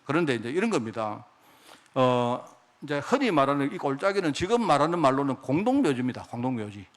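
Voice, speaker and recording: A man preaching a sermon, his rather high voice swinging widely as he talks. He keeps it conversational, firing rhetorical questions at the congregation and acting out quoted speech. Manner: acts out God's and others' speech in quoted lines. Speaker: pastor.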